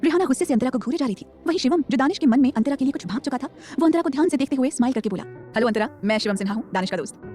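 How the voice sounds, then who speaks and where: Narrator: woman, very fast dramatic audio-story delivery, slightly high, faint music bed. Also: mellow.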